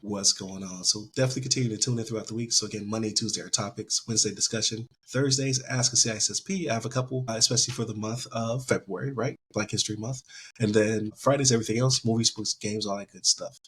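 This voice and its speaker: Fast-talking man hosting a podcast. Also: on the low side, slight background noise. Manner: brisk, energetic delivery. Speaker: podcast host. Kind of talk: show introduction.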